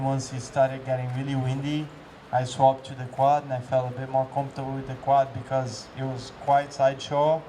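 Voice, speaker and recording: A man's voice: medium pitch, warm tone. A man, a pro windsurfer, answering questions in casual talk, hesitant with many fillers and restarts. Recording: distant mic with faint outdoor noise.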